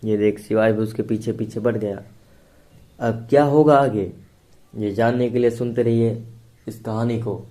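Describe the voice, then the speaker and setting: A man's voice: on the low side, steady tone, measured pace, pauses often, dark tone. A man narrating a serialized love story steadily for listeners.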